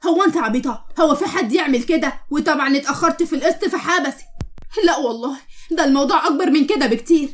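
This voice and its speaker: A woman's voice: high voice, very fast, lightly acted. A woman with an Egyptian accent voicing a blunt but caring woman prisoner who scolds her cellmate. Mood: scolding. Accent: Egyptian Arabic.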